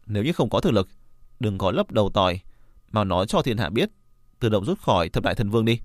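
Cocky young fighter guys jeering loud and mocking, low voice, dry close sound , a man doing them. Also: very animated, fast, no echo. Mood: taunting. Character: arrogant young male martial challengers.

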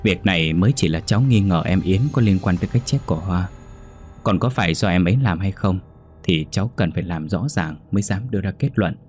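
Guy doing a serious polite young man, low voice, soft music in the back. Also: a little fast, natural voice. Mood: earnest. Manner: careful, respectful.

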